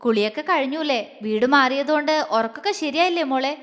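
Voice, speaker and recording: A woman's voice: sits high, a little fast, fairly bright tone, in a large hall. A woman voicing a doting, playful mother-in-law. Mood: affectionate. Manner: affectionate, mock-stern. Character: affectionate, fun-loving middle-aged mother-in-law.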